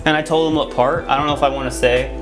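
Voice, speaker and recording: A man's voice: a little high, fairly even intonation, quick pace. A man in his twenties from Miami casually telling a story to camera, rambling with lots of "like" fillers. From Miami, USA. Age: 20s. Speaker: vlogger. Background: music playing underneath.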